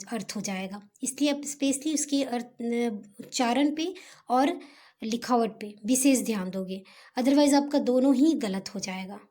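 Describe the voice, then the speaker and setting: Mellow-voiced woman teaching a lesson. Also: fairly high pitch. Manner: patient, explains slowly with Hindi-English mix. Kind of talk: homework explanation lesson.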